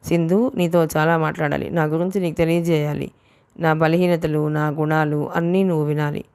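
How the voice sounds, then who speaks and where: Woman reading young man in love, audiobook, earnest, confiding, low voice, smooth. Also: steady tone, normal speed, darkish tone. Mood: tender.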